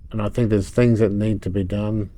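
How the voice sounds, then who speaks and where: A middle-aged man with an Australian accent, answering interview questions in a halting, rambling way. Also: fairly low pitch, flat delivery, dark tone, slight background noise. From Brisbane, Australia. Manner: rambling, halting, many fillers. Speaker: political candidate.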